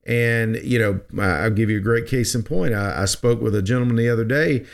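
Folksy male radio advisor, mid-pitched. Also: creaky. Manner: folksy, emphatic, halting with repeated phrases. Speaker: radio show host, financial advisor. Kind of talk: conversational financial advice talk.

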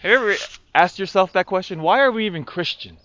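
Clear-voiced male priest, slightly high. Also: expressive, fast, fairly bright tone, no echo, lo-fi sound. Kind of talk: liturgical reading and homily.

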